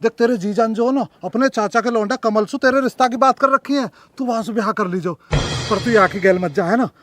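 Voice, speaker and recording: A young man playing a heartbroken village lover, pleading earnestly in a very high voice. Faint music sits behind him in this comedy sketch. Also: fairly quick, lightly acted. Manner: earnest, pleading, then confrontational.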